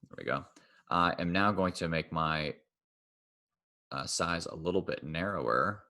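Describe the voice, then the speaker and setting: A man's voice: deep voice, a little slow, sharp tone. A male math teacher recording a casual online lecture, thinking aloud and correcting himself as he draws on screen.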